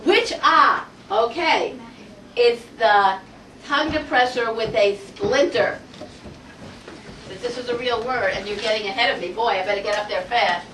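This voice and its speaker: A woman teaching a Hebrew phonics lesson to a class, energetic and coaxing, asking the group question after question. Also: fairly high pitch, moderate pace, a little hiss or hum. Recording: roomy classroom audio from far off.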